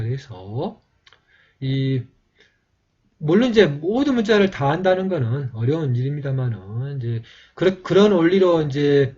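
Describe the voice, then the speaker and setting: A man gives a lesson on old scripts, pausing often and filling gaps with small words. His voice is dark and a little husky. The recording sounds dull and muffled. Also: a little high. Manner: slow, halting explanation with many fillers. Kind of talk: lecture on a video channel.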